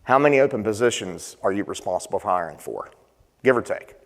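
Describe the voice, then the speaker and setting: A session presenter leads a conference panel in a low, gravelly, expressive voice, speaking briskly and conversationally while putting questions to the audience. The recording carries long hall reverb and a little hiss or hum.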